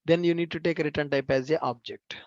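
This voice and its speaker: A man's voice: a little high, steady tone, quick pace, darkish tone, no echo. A man instructor answering students' questions in a live online class over a video call, with short patient acknowledgements. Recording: dull lo-fi online call audio.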